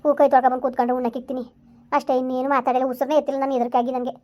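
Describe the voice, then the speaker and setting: A woman's voice: sits high, flat delivery, very fast, a little mellow, highs cut off. A woman in a village comedy skit who pleads and complains. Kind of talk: village drama dialogue.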